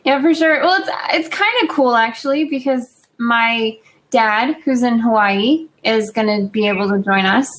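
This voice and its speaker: A woman's voice: fairly high pitch, normal speed, hardly any pauses, fairly bright tone. A woman in her thirties, co-hosting a podcast, chatting casually over a remote call and often restarting her sentences. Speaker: podcast co-host. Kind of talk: casual chat.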